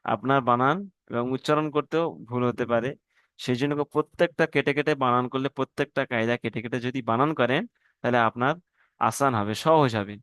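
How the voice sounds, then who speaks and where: Male teacher, smooth clear voice, dry close sound, drills letter-by-letter spelling. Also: medium pitch, a bit bright, no room sound. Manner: spells out letters slowly, syllable by syllable; addresses students politely as brothers. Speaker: Quran reading teacher. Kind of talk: online class instruction.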